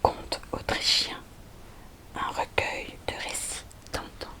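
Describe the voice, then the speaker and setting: A young adult woman presenting books in a soft, unhurried library whisper, in the style of an ASMR recommendation video. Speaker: ASMR host recommending storybooks. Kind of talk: whispered ASMR book talk.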